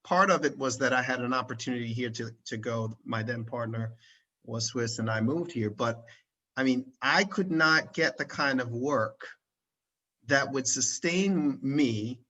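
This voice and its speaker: A man's voice: medium pitch, unhurried, sharp tone, dull audio. A man hosting a casual conversational interview over a video call, rambling with many restarts and checking in with "right?". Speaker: interviewer and channel host. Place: at home in Switzerland, recorded over a video call.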